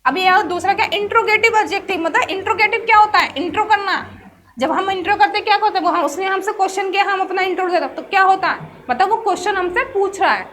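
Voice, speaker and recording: A woman's voice: very high-pitched, fast talker, a bit bright. A woman teaching English grammar in a chatty class lesson, often asking herself questions and answering them. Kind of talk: explanatory class lesson mixing Hindi and English.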